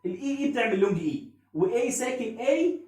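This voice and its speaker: High-voiced Egyptian man teaching phonics. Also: lively intonation, a little mellow, roomy sound. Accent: Egyptian Arabic. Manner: repeats words slowly with drawn-out stress; asks and answers his own questions. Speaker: English teacher. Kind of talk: phonics lesson explaining pronunciation.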